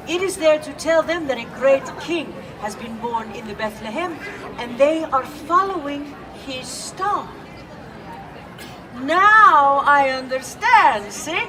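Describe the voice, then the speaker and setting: Woman as a kind old Italian-accented witch, high, swooping voice, slow storytelling, outdoor crowd behind, off-mic. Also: lively intonation. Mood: playful. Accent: put-on Italian. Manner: playful, coaxing, asks children questions. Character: kindly old Italian witch who brings gifts. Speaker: costumed storyteller for children. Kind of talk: live in-character storytelling. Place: outdoors in a public urban space. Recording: distant outdoor recording with crowd.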